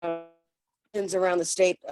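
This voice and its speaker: A woman giving a halting meeting report over a video call whose audio keeps cutting in and out. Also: fairly low pitch, level tone, music in the background. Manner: halting, with many fillers and restarts. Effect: choppy video-call audio that cuts in and out. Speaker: housing committee member reporting remotely. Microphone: video call over home Wi-Fi.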